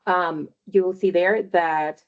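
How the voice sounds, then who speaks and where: Her lowish voice stays steady and slow as this middle-aged Venezuelan webinar panelist talks about careers over a video call. The talk is conversational, with many fillers and "right?" tags, and the audio sounds dull.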